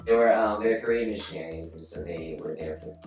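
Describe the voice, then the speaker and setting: A young man chatting casually as a guest, full of fillers and quick laughs. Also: fairly low pitch. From China. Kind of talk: casual chat. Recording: roomy sound from a distant mic with faint music.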